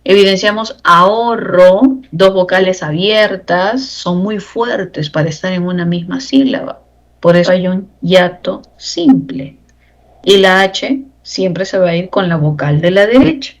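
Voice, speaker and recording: A woman's voice: fairly low pitch, unhurried, low-quality recording. A woman teaching a grammar lesson for exam preparation, explaining step by step and checking in with rhetorical questions. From Peru. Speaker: language teacher. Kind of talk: exam-prep lecture.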